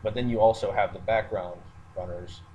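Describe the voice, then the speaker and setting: An online ranter who serves in the military delivers a matter-of-fact, unscripted monologue to listeners, hesitating as he thinks aloud. His voice is on the low side and darkish, with fairly even intonation and a moderate pace. Background noise and a nearby roommate come through the low-quality recording.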